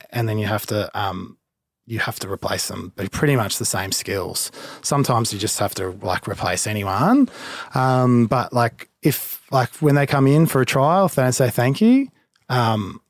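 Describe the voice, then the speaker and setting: An Australian man chatting casually in a laid-back, blokey tradesman way, halting and full of fillers, swearing now and then. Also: medium pitch, lively intonation, no room sound. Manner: halting, rambling, filler-heavy. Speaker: cafe business owner, interview guest. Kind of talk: casual chat.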